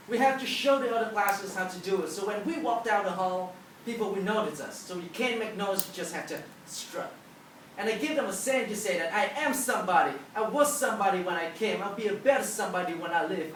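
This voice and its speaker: A woman's voice: medium pitch, a little fast. Woman doing a motivational teacher talk, really emphatic storytelling, super echoey hall w some noise. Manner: emphatic storytelling, acting out dialogue. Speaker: public speaker, teacher. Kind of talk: motivational talk to a live audience. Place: large auditorium with an audience. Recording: echoey hall, distant, noisy.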